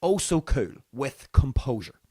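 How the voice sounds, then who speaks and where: A man's voice: mid-range voice, sing-song, unhurried, dark tone, breathy edge, no room sound. A man with a Northern Irish accent hosting a livestream talk show in a casual monologue, theatrical and repeating phrases for emphasis. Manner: theatrical, emphatic repetition for effect. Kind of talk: casual monologue to live stream audience.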